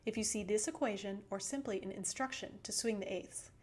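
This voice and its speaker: A woman teaching piano theory in a scripted lesson, explaining clearly and counting beats aloud. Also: mid-range voice, fairly quick.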